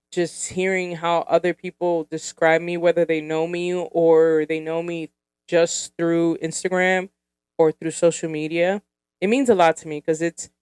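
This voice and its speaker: Chatty woman podcaster, smooth dry voice. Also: sits low, dry recording. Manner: chatty, giggly, lots of fillers. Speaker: podcast host. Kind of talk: casual solo podcast chat.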